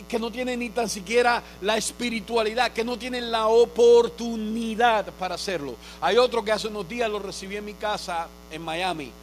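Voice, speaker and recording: A pastor from Cuba preaching a sermon, telling stories earnestly and building to fervent proclamation. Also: male voice, high voice.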